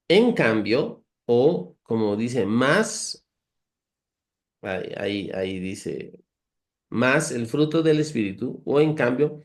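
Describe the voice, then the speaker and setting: A man of ordinary pitch leads a conversational Bible teaching, reading verses aloud and unpacking them earnestly. He lists virtues one by one and uses homely, humorous comparisons, addressing his listeners as brothers.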